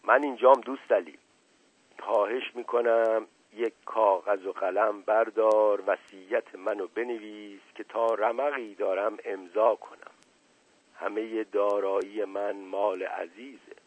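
Man playing a whiny groaning sick old guy in bed, husky, tinny old radio. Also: on the low side, steady tone. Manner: groaning, pleading. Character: self-pitying bedridden older man, whining.

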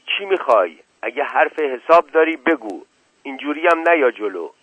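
Loud, blunt village questioner, voiced by a male radio reader; husky, dry, phone-thin sound. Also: medium pitch, big pitch swings, no room sound, pitched above the performer's own voice. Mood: demanding. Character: loud demanding village man questioning a stranger. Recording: tinny lo-fi radio broadcast.

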